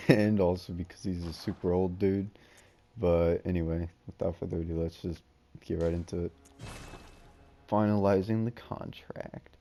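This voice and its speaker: A man's voice: low voice, fairly even intonation, a little slow, long pauses, mellow, soft background music. A man giving casual let's play commentary as a gaming host, with slangy, jokey asides.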